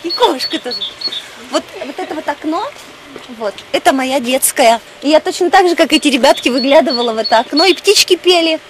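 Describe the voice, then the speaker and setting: A Russian actress with a high, brisk voice reminisces with nostalgia about her childhood home for a documentary interview, punctuating her words with emphatic exclamations. She is outdoors in a residential neighborhood, and background noise and music sit beneath her voice.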